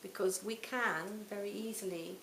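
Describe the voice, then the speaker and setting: A woman's voice: mid-range voice, steady tone, moderate pace. Reflective woman in her sixties in a roomy hall. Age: 60s. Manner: reflective, warm storytelling with soft trailing phrase ends. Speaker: Buddhist teacher. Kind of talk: dharma talk to a retreat audience. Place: retreat hall. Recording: roomy hall, faint hiss.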